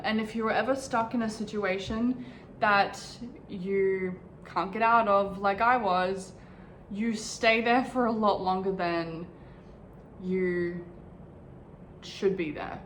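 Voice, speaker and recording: A woman's voice: mid-range voice, echoey room, slight background noise. A woman in her twenties talking candidly and reflectively in a casual personal vlog, filmed in her bedroom at home. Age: 20s. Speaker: vlogger.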